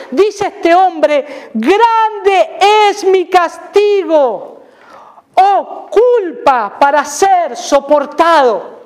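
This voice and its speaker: A middle-aged Argentine pastor delivers a sermon in an emphatic preaching manner. He hammers key phrases by repeating them. His voice swings widely in pitch and volume as he presses each point. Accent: Argentine Spanish.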